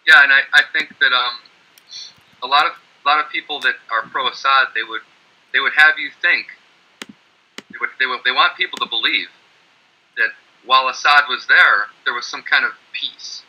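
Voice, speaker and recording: A man's voice: medium pitch, moderate pace, sharp tone, highs cut off. A man speaking emphatically in an online panel discussion, brushing off opposing claims.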